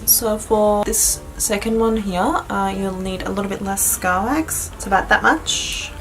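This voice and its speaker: A woman's voice: mid-range voice, unhurried, soft background music, poor audio. A woman beauty vlogger chatting informally as she explains a makeup tutorial step by step. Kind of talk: casual instructional chat.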